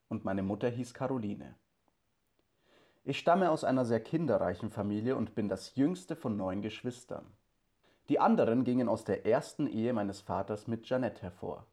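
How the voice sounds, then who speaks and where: A man reading in first person as an earnest teacher and cantor from the 1920s, in a calm, measured, scripted narration. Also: medium pitch, natural voice.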